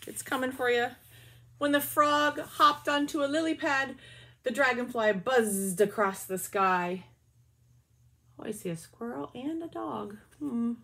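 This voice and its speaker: A teacher in her forties reads picture books aloud to children, drawing out the words in a lively storybook manner and adding soft comments along the way. Her voice is on the high side, recorded on a webcam in a small bedroom.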